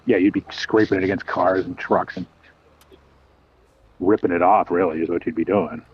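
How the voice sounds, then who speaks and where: A man's voice: low-pitched, steady tone, normal speed, husky. A man hosting a game stream, chatting casually and in a laid-back way with his co-players. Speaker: streamer host. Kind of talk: casual gameplay chat. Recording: dull lo-fi mic.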